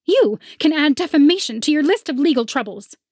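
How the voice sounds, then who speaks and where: A shrill, snooty potion seller from a storybook, scheming and haughty, her voice pushed very high, as a woman narrator puts her on. Every line comes out sharp and superior in a dry, close recording. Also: expressive, fairly quick, dry recording.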